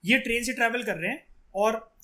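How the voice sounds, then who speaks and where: A man lectures his class in a high, bright and ringing voice. He is chatty and talks straight to his students, often acting out little lines as he goes. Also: normal speed. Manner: chatty, addresses students directly and acts out lines. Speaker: teacher.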